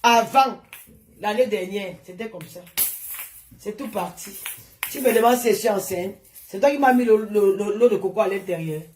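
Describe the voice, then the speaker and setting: Animated woman scolding her followers. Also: medium pitch, moderate pace, a little hiss or hum. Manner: animated, scolding viewers who comment; talks while showing items to the camera. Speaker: social media influencer. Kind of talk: casual live stream chat with followers. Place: at home.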